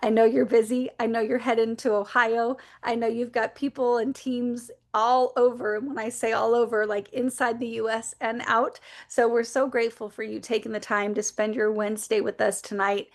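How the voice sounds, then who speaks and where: Woman, slightly higher voice, chatty and upbeat host, online video call. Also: little pitch movement, moderate pace, few pauses. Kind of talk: casual announcements and guest introduction.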